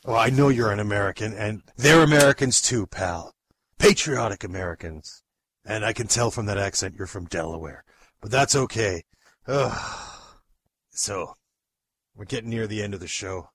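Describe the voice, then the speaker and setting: A man's voice: lowish voice, normal speed, a bit bright, breathy edge, dry recording. Exasperated radio host man. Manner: exasperated, bossy. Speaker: radio talk show host. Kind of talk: comedy radio sketch.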